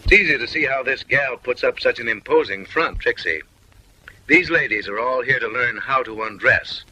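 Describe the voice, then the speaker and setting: A wry male comic narrator with a sharp, medium-pitched voice delivers wisecracking voice-over for a film at normal speed. Adopting a mock-refined tone, he lectures the ladies with suggestive, teasing asides, and the recording is rough.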